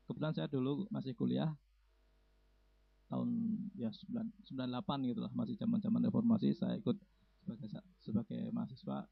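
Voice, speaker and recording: A man's voice: medium pitch, creaky, husky, no echo. A young man doing stand-up, telling rambling jokes and often correcting himself. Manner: rambling, self-correcting storyteller. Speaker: stand-up comedian. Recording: dry, tinny phone-like sound.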